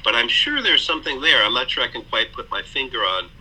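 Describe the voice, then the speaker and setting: A man speaking as the guest author in an interview, measured and hesitant with many fillers. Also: mid-range voice, expressive, bright, forceful tone, a little hiss or hum, poor audio. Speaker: author and college president, guest. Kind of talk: thoughtful interview talk.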